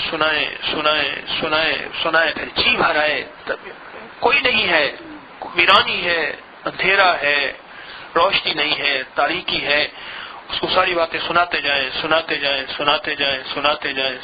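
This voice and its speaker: A man's voice: on the high side, lo-fi sound, a little hiss or hum. A man giving an emotional devotional sermon as a spiritual lecturer, pleading and repeating phrases as his intensity swells.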